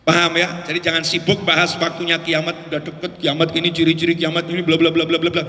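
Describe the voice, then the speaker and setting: A male preacher giving a lively, casual sermon, telling stories and acting out their voices. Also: on the high side, fast. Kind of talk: lively religious sermon storytelling. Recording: roomy hall reverb.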